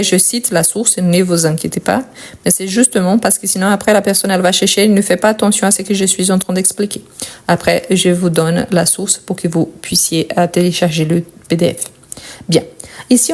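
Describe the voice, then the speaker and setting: A woman teaching verb conjugation, repeating each form slowly and clearly and checking in with short questions. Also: mid-range voice, a little mellow. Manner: checks in with "ok?" and "bien". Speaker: French teacher. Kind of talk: explaining conjugation.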